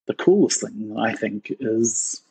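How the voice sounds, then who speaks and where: A middle-aged man, talking in a relaxed and rambling way as a podcast guest. His voice has a husky edge, and the recording is close and dry, with no room sound. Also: on the low side, slow, dry recording, poor audio. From New Zealand. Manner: outgoing, talkative, rambling. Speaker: podcast guest, ministry worker. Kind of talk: casual interview chat.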